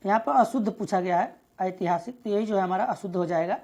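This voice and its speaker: Husky-voiced woman teaching exam prep. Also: medium pitch, fast talker. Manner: steady explaining, reads out questions and options.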